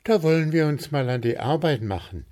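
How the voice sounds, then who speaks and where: A man's voice: on the high side, lively intonation, fairly quick, a little mellow, pitched above the performer's own voice, close to an everyday voice. A man voicing a frank, chatty little male bird in a storybook reading. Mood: chirpy.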